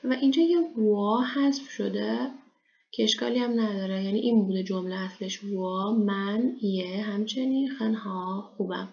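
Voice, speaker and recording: A woman language teacher explaining a lesson step by step, patiently slowing down to model pronunciation. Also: mid-range voice, steady tone, gravelly. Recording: dull lo-fi recording with faint noise.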